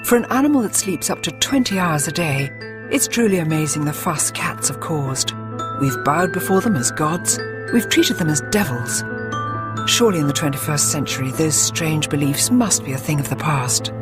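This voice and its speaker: A woman with a fairly low voice presents a nature documentary in a scripted, dramatic style. Music plays clearly behind her narration. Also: expressive, moderate pace.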